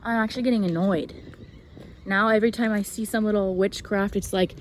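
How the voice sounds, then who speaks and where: Woman walking and vlogging outside, swears a lot, gets all excited then whispers, faint outdoor hiss behind. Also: medium pitch, brisk. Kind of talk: casual walking vlog.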